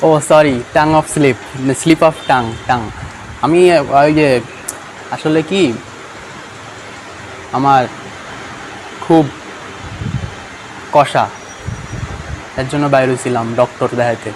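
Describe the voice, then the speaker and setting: A man's voice: medium pitch, takes it slowly, pauses often, slight background noise, natural voice, poor audio. A young man playing a fumbling fellow who hesitantly makes up excuses. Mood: evasive.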